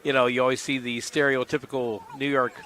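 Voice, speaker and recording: A man's voice: mid-range voice, flat delivery, brisk, fairly bright tone, a little hiss or hum, low-quality recording. A man giving chatty, folksy color commentary on a basketball broadcast.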